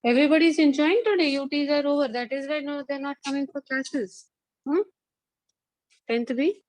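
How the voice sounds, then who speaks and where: A woman's voice: high-pitched, fairly even intonation, a little slow, a little mellow, no echo, low-quality recording. A woman with an Indian accent, a school teacher instructing an online class, repeating herself and checking in with questions.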